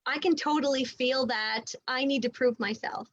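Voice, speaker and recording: Woman panel guest, higher voice, reflective, dull dry lo-fi sound. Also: normal speed, no echo. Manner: reflective, relates her own experience. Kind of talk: panel discussion.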